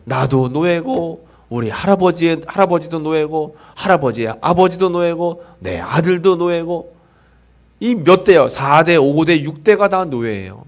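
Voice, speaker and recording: A male pastor preaching a sermon in an animated way, acting out complaining voices and having the congregation repeat lines after him. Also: on the high side, measured pace.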